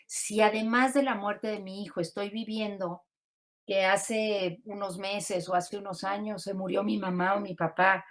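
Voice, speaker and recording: A woman grief counselor giving a calm, reflective teaching talk on grief, often asking rhetorical questions. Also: medium pitch, a little slow.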